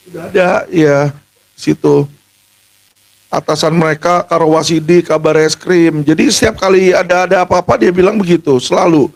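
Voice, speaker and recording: A middle-aged man, a lawyer, giving an impassioned, indignant speech that rises at times to shouting. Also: on the high side, poor audio.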